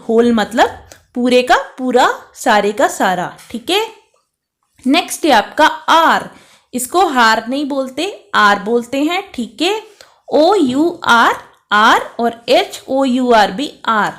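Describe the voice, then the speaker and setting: Female teacher, high and unhurried, explaining words patiently. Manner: spells words letter by letter, keeps asking "ठीक है?" with a rising tone. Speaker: English teacher. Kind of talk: explaining vocabulary lesson.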